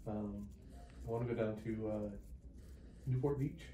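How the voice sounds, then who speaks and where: A man, a patient, chatting in a relaxed, hesitant way during a clinic visit. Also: fairly low pitch, a little slow, roomy sound. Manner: laid-back, hesitant, laughs easily. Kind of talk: casual chat. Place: clinic room.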